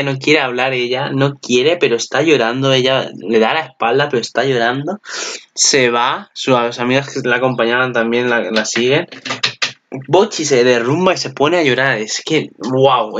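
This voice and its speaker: Excitable man. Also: mid-range voice, normal speed, highs cut off. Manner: excitable, laughs often, swears freely. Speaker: anime channel host. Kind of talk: casual commentary on an anime preview.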